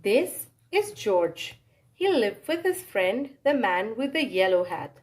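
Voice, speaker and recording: This woman's voice sits a little high as she brings a children's tale to life, pausing for drama and bursting into exclamations along the way.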